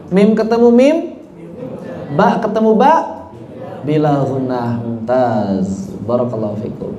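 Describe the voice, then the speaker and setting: A man with an Indonesian accent teaching a tajwid lesson online, asking questions and answering them himself, chanting Quran examples slowly and adding chatty asides. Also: high voice, darkish tone, lo-fi sound. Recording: echoey room with faint ambience.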